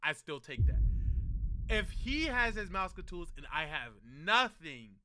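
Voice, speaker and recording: A man's voice: sits high, sing-song, unhurried, bright, forceful tone, smooth, no echo, studio quality. A young man streaming casual reaction commentary, joking and slangy, saying "bro" a lot.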